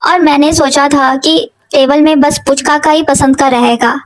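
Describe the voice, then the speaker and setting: A young woman with a notably high voice tells her vlog in a casual voice-over. She is chatty and doting and keeps turning to her viewers as she talks. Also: steady tone, moderate pace, low-quality recording. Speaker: vlogger, aunt narrating a child's birthday.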